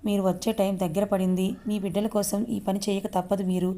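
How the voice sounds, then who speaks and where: Determined young wife, the narrator's own voice: firm, mellow, even. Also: female voice, mid-range voice, a little fast, close to an everyday voice. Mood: earnest. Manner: firm, resolute.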